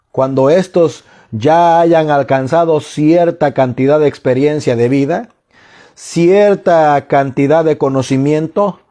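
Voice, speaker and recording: Slow, high-voiced preaching man. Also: dark tone. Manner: slow, emphatic preaching with rhetorical questions. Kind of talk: sermon.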